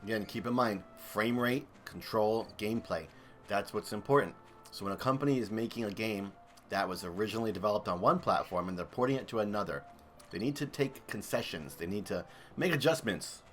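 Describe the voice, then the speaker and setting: A man's voice: on the low side, fairly quick, faint music behind. A man streaming and commentating a video game comparison in a chatty, enthusiastic way. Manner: chatty, enthusiastic, thinks aloud. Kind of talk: casual gameplay commentary.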